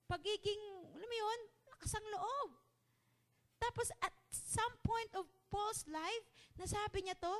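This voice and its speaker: A woman preacher giving a heartfelt sermon, confiding personal stories and building to fervent exhortation. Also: very high voice. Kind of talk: Taglish sermon.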